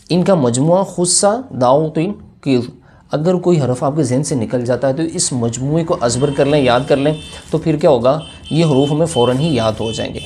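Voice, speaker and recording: A man teaching Quran reading in an online tutorial with a Pakistani Urdu accent. He explains patiently step by step, repeats key points and sounds out letters slowly. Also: mid-range voice, warm tone.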